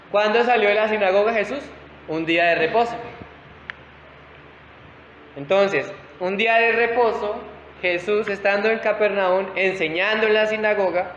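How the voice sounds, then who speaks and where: A man's voice: high voice, fairly bright tone, slight background noise. Man, pastor teaching scripture, checks in with the room, dull lo-fi sound. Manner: checks in with listeners, asking "¿Sí?". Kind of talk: Bible study teaching. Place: church hall. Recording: roomy hall echo, dull lo-fi sound.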